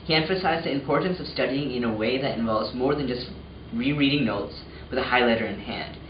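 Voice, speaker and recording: A man's voice: mid-range voice, fairly quick. A young man telling his story as a student in a plain, earnest scripted testimonial. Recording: echoey, muffled, faint noise.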